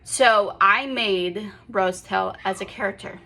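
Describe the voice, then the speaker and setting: Young woman, casual home vlog, slow talk, gravelly fry, rambling self-corrections. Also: medium pitch, bright, forceful tone. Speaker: vlogger.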